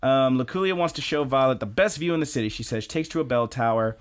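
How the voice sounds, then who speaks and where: A man co-hosting a podcast, casually recapping anime episodes in a rambling, animated way and jumping into excited voices for quoted lines. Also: medium pitch, fast talker, clean tone. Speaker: podcast co-host.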